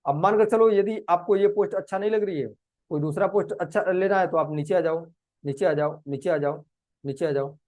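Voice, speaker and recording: Guy with a fairly high voice walking a class through a screen share, keeps repeating himself, dry close sound. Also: a little mellow, dry recording. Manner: earnest, repetitive, explains step by step. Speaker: digital marketing teacher.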